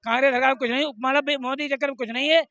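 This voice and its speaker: Fast, combative man with a very high voice. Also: fairly even intonation, pushed and bright, no echo, highs cut off. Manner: combative, mocking, blunt short retorts. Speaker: member of the public being interviewed. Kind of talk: street political interview.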